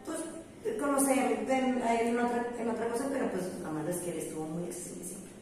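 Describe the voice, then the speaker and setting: A woman's voice: on the high side, fairly quick, darkish tone. A young woman with a Mexican accent, talking in a chatty, reflective way in casual conversation. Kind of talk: casual chat. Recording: roomy echo, far from mic, faint noise.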